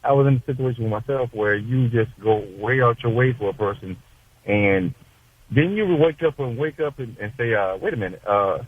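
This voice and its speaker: A man's voice: medium pitch, fairly quick, no echo. A man calling in to a radio show, hesitant and searching for words. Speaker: caller. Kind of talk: radio call-in chat. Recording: tinny dry phone line.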